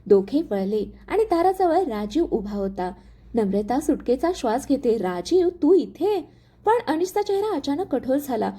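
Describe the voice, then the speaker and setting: Female storyteller, dramatic expressive narration, mellow tone, high voice. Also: moderate pace.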